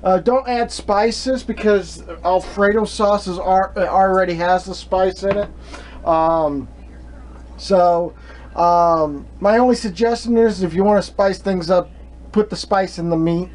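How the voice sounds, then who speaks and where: A man's voice: sits high, unhurried, darkish tone, a little hiss or hum, poor audio. A young man hosting a casual home cooking demonstration in a small kitchen, rambling with many fillers and restarts, recorded on the camera mic. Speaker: home cooking video host. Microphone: camera mic, filming himself at the stove.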